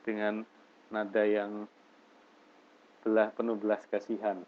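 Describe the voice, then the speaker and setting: A man teaching an English lesson, slowly reading English example phrases and explaining them in Indonesian. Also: fairly low pitch, completely flat delivery. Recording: dull lo-fi lesson recording.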